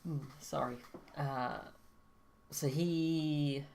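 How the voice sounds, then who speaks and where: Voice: medium pitch, steady tone, creaky, darkish tone. A game master running a tabletop game, chatty and hesitant with many fillers. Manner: hesitant, chatty, quick to laugh. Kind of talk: casual tabletop game play.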